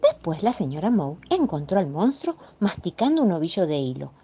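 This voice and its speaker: Expressive woman reading a children's story. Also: on the low side, normal speed, husky. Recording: dull lo-fi recording.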